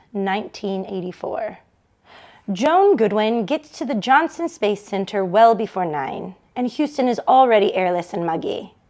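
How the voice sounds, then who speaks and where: Hosting a book club read-along, a woman expressively reads a novel to her online audience in a medium-pitched voice.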